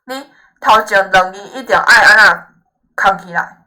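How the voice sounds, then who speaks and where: A woman's voice: medium pitch, unhurried, sharp tone. A woman with a Taiwanese Hokkien accent teaching informally, reassuring and often tagging her points with little questions to check agreement. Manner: encouraging, reassuring. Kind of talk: informal lesson, explaining to a student.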